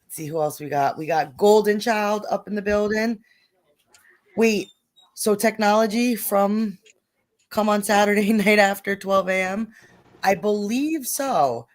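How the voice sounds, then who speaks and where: A woman with a New York accent hosts a casual live stream. She greets viewers one by one in an excitable, chatty way and laughs easily. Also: medium pitch, unhurried. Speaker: host.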